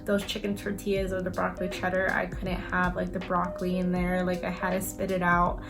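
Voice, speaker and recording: A woman's voice: lowish voice, completely flat delivery, a little fast. A woman chatting casually in an advice vlog, explaining things in a rambling, repetitive way. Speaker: vlogger, dental assistant. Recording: music playing behind the voice. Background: clear background music.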